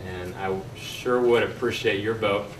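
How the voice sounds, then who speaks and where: A young man giving a prepared campaign closing speech as a candidate, earnest and halting with pauses. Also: on the low side, steady tone. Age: young adult. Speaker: political candidate. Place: meeting room, at a podium. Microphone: podium mic, picked up by distant camera. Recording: roomy, distant mic, faint background noise.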